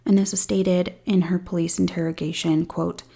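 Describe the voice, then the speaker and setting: A woman's voice: on the low side, flat delivery, moderate pace, gravelly, dark tone. A woman hosting a true crime podcast, retelling a case with dry, sarcastic asides. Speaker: podcast host. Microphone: studio-style podcast mic.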